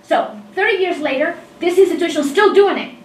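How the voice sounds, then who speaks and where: A woman from Mexico, an engineering faculty member in the audience, makes an impassioned, insistent comment from across a seminar room with tables, gesturing as she talks. Her voice is very high and a little fast. A far room camera mic picks it up roomy and distant, with faint noise.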